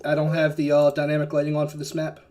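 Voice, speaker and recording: A woman's voice: low voice, completely flat delivery, quick pace, warm tone. A woman running a tabletop game as game master, narrating casually, swearing and laughing often.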